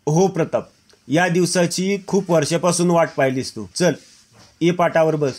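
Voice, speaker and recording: A man's voice: fairly high pitch, moderate pace, darkish tone, close to an everyday voice. A man voicing a stern elderly grandmother who heads the family and scolds. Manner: scolding, commanding.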